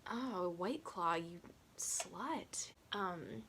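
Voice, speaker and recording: A woman's voice: lowish voice, lively intonation, very slow, fairly bright tone, slight background noise. Tipsy sarcastic young woman vlogger. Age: 20s. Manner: sarcastic, self-mocking, rambling. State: tipsy from drinking. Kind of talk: casual get-to-know-me chat.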